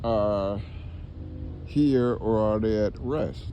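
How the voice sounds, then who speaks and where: A man's voice: lowish voice, extremely slow, dark tone, highs cut off, slight background noise. A man speaking casually as a paranormal investigator, putting questions to spirits and commenting to the camera outdoors. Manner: repeats the answers back as questions. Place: outdoors near woods.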